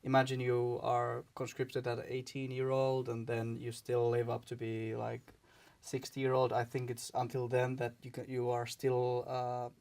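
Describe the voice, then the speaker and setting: A man's voice: medium pitch, monotone, a little slow, creaky, few pauses, darkish tone. A man from Finland, a debate guest, speaking hesitantly and searching for words. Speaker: debate guest opposing conscription. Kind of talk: casual debate chat.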